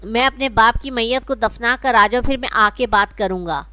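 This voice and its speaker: A woman's voice: fairly high pitch, sharp tone, smooth, no echo. A woman voicing a stern, grieving young man who firmly orders his family, in a read-aloud story. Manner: firm, commanding.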